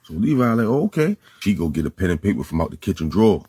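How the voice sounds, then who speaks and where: Deep raspy dude telling a street crime story, slangy, dry close mic. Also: male voice, expressive, racing, no echo. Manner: slangy, swings from murmured to loud. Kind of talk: casual street storytelling narration.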